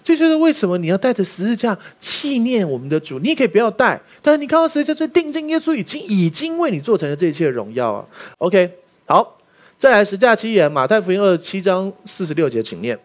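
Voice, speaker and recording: Fast, lively male pastor preaching. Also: high-pitched. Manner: emphatic, keeps asking the listeners questions. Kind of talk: sermon.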